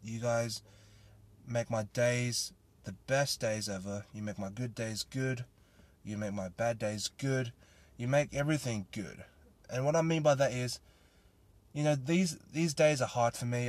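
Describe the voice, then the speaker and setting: A young Australian man hosts a casual solo podcast monologue, earnest, rambling and grateful in tone. His voice is medium-pitched and fairly even in intonation, his pace measured, with no echo.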